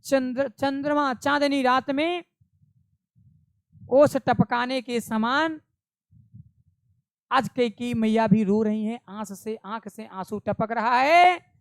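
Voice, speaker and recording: Male Hindi teacher, slow and emphatic, smooth clear voice, dry close sound. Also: very high voice, no echo. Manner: slow, emphatic explaining with rhetorical questions. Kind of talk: classroom poetry explanation.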